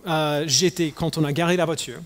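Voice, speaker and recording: A man from the United States preaching a sermon as pastor, talking haltingly with many fillers and restarts. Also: on the high side, fairly even intonation. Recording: long hall reverb.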